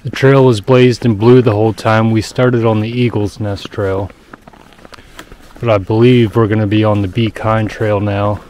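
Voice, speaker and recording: A man narrating his own hike on a snowy forest trail, describing the route in a relaxed, matter-of-fact way. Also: on the low side, normal speed, slight background noise. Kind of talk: casual hiking vlog narration.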